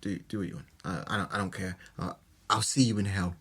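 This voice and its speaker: A man's voice: low-pitched, quick pace, creaky, a bit bright, breathy edge. A young man co-hosting a podcast, laid-back and joking in casual chat. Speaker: podcast co-host.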